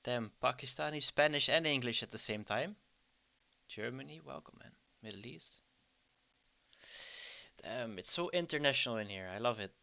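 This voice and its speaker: This Dutch-accented man from the Netherlands has an animated, mid-range voice at normal speed, creaky yet pushed and bright, with long pauses. Chatty and laced with ums and "right?" tags, he teaches trading casually on a livestream while talking to viewers; the audio is dull and lo-fi.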